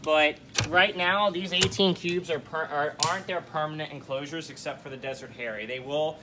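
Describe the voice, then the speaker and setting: This young adult host narrates an informal shop tour, talking directly to viewers with enthusiasm as he moves through an indoor showroom packed with terrariums. His voice is a little high, his intonation fairly even, and his speed normal. Clear background noise and the room's terrarium ambience can be heard.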